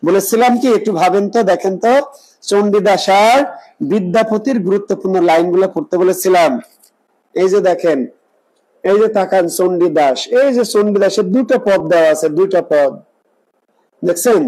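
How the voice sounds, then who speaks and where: High-voiced man teaching exam prep. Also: normal speed, a little mellow, low-quality recording. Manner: repetitive explaining, quizzing students. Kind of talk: live online class lecture.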